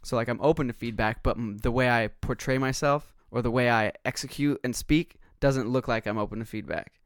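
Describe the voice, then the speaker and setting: A man's voice: mid-range voice, fairly quick, no room sound, clean studio sound. A man chatting casually in an intense, passionate, assertive way, often dropping "like" into his sentences. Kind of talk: casual conversation.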